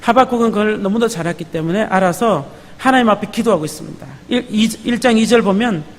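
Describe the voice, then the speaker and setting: A man's voice: high voice, quick pace. A man preaching a sermon as pastor, emphatic, often asking the congregation for a response. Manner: emphatic, calls out to the congregation with repeated "예?". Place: church sanctuary. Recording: long hall reverb, faint background noise.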